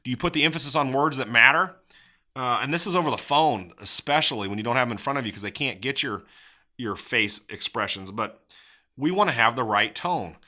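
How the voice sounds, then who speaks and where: A man's voice: medium pitch, a little fast. A middle-aged man hosting a podcast, giving casual motivational sales advice and acting out sample lines in different tones. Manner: animated, acts out sample lines with shifting tone. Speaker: podcast host.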